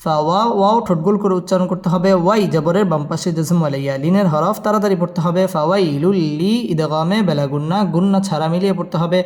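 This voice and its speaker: A man teaching recitation, spelling out letters and chanting verses in a slow, drawn-out melody with brisk explanations between. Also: sits high, darkish tone, long reverb tail.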